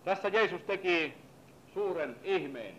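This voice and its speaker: A man preacher reading a scripture passage in a low, measured voice, then preaching with rising fervor. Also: lively intonation, fairly bright tone, muffled recording, a little hiss or hum.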